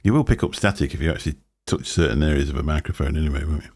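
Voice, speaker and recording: A man with a deep, booming voice races through a casual live stream against a noisy background, rambling from topic to topic and chuckling to himself. He speaks into a desk microphone fed through a mixer.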